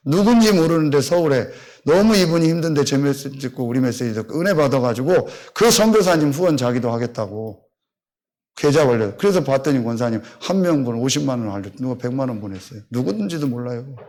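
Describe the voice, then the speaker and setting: A man's voice: medium pitch, lively intonation, quick pace, a little mellow. A man from Seosan, a pastor, preaching a blunt sermon full of rhetorical questions to his congregation. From Seosan, South Korea.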